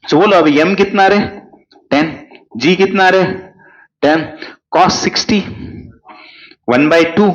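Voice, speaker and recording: A man's voice: fairly high pitch, muffled recording. A male physics teacher, coaxing students through exam problems with constant questions. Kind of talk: exam crash-course lecture.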